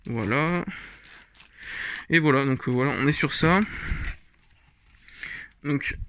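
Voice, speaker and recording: Bright-voiced chatty French-speaking man. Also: medium pitch, slow, a little hiss or hum. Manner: rambling, chuckling, many fillers. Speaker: comics collector showing his collection. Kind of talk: casual show-and-tell vlog.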